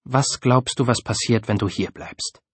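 A man's voice: mid-range voice, steady tone, a little slow, husky, dry recording. A man voicing a patient adult male teacher who speaks earnestly to a student in an audiobook.

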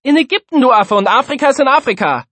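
A man's voice: very high-pitched, very animated, fairly quick, fairly bright tone, no echo, voice pushed up, full character voice. A man voicing a cocky young teenage boy, the class clown, mocking and insulting his classmates in an audiobook. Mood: taunting.

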